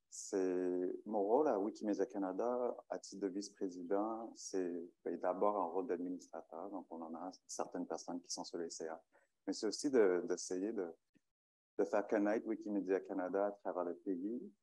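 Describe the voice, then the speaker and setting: A librarian from Michigan, a native English speaker, speaks French on a panel, hesitating and searching for words. His voice is deep, steady, mellow, and at normal speed. The recording sounds dull and lo-fi.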